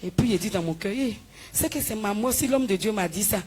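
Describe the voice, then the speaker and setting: A woman giving a spoken healing testimony in church, telling her story with lively, acted-out dialogue. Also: medium pitch, a little fast, breathy edge. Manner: animated storytelling, acting out dialogue with the pastor. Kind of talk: spoken testimony before a congregation.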